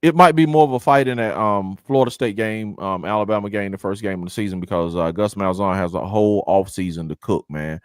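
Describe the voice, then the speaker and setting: A man's voice: lowish voice, brisk, few pauses, clear, resonant tone, no echo, clean studio sound. A man co-hosting a casual sports debate in an informal, conversational manner. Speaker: sports show co-host.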